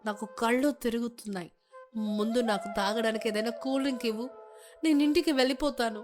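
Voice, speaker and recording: A woman's voice: fairly high pitch, fairly even intonation, brisk, over music, natural voice. Woman playing a haughty rich lady. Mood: indignant. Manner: indignant, scolding.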